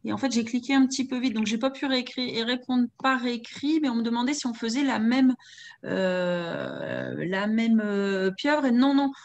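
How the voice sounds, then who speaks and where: A woman's voice: fairly high pitch, sing-song, moderate pace, gravelly, darkish tone, dull audio. A woman moderating an online webinar, relaying audience questions and handing over to her co-presenters on a video call.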